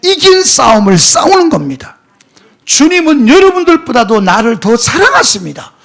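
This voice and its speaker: A man's voice: extremely high pitch, very animated, normal speed, gravelly, fairly bright tone. A male pastor preaching a sermon, emphatic and full of rhetorical questions, at times dropping to a near-whisper. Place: church sanctuary.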